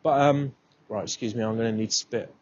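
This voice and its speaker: A man's voice: medium pitch, fairly quick. Man, blocked nose from a cold, sweary self-deprecating ramble, muffled outdoor recording, faint background noise. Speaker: podcast host. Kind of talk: casual rambling monologue. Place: outdoors, walking in cold weather.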